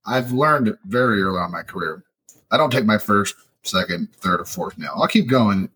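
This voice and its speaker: A man with a slightly husky voice tells work stories in a casual podcast chat. His pitch swings widely as he acts out both sides of conversations. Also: normal speed. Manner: animated storyteller, acts out quoted dialogue. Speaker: podcast co-host.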